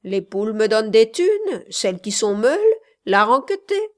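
A woman's voice: fairly high pitch, big pitch swings. A woman voicing a cocky young male street tough who rattles off boastful slang in a storybook reading. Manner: boastful, rapid slang patter.

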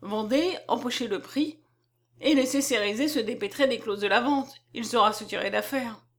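A woman reading the lines of a shrewd male provincial lawyer in an audiobook, brisk and self-assured. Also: a little high, close to an everyday voice. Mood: persuasive. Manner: brisk, confident persuasion.

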